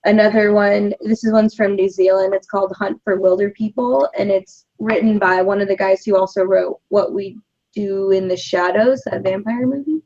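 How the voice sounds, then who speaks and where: A woman's voice: medium pitch, fairly even intonation, moderate pace, darkish tone, dull audio. A woman co-hosting a casual podcast, chatty and upbeat, laughing often as she talks. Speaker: podcast co-host. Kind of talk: casual chat.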